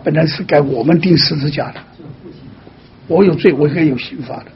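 A man with a slightly high voice counsels a caller in a patient, teaching way. He lays out each point slowly and keeps softly checking in. The sound is muffled and lo-fi. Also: gravelly, a little hiss or hum. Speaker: pastor answering a caller. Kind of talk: pastoral counseling.

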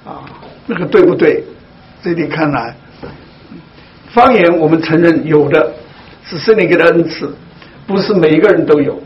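A man leading a Bible study for his congregation, speaking slowly and deliberately with many hesitant fillers. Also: fairly high pitch. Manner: slow, deliberate, with frequent fillers. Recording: dull lo-fi recording, faint hiss.

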